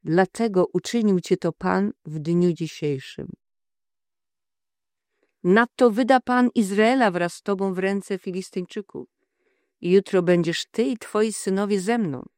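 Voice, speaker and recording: A speaker voicing the stern old prophet Samuel, read slowly and gravely in a dry, measured Bible-reading voice. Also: mid-range voice, a little mellow, no room sound, natural voice. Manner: slow, measured scripture reading. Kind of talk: Bible reading within a teaching.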